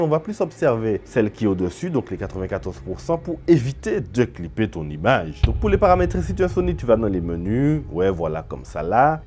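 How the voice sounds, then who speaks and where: A man's voice: mid-range voice, a little mellow. A man giving a casual camera tutorial, chatty and informal, talking straight to the viewer. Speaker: video creator teaching camera settings.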